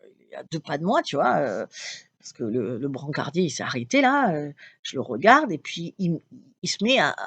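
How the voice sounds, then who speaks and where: A middle-aged woman from France, a channeler talking casually to her followers, chatty and quick to laugh, with lively storytelling and frequent restarts. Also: sits low, breathy edge, no echo. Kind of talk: casual spoken monologue.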